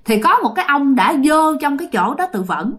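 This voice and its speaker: A woman's voice: high-pitched, brisk. A woman telling a ghost story casually, chatting directly to her listeners. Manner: chatty, addresses listeners, animated.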